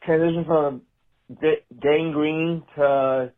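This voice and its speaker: A man's voice played back from a voicemail sounds tinny and narrow, like it came over a phone line. He rambles in a casual, exasperated way and swears freely. His voice sits a little higher than most men's. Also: fairly even intonation, slow. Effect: played voicemail message. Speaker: voicemail caller. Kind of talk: casual rant.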